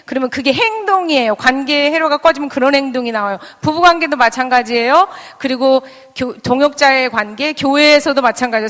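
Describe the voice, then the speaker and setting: A woman, a pastor's wife, preaching at a church service in a candid, lively way, acting out people's thoughts as she goes. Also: high voice, big-room sound. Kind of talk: sermon at a Friday service. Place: large church sanctuary.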